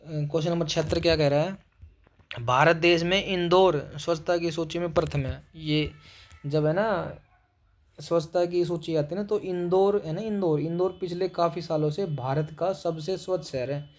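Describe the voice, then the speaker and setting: A young male teacher works through a spelling quiz, breaking every word into its syllables. His voice sits a little higher than most men's. He keeps a steady, practical classroom pace and closes each answer with a brief check-in to his students. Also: moderate pace. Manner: spells words syllable by syllable, repeats "ठीक है", calls students "भाई". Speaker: Hindi teacher. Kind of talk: exam-prep spelling lesson.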